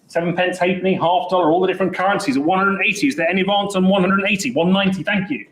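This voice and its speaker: High-voiced auctioneer calling bids. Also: male voice, a bit bright, reverberant, a little hiss or hum, rough recording. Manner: brisk, chatty bid-calling with jokes. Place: auction saleroom.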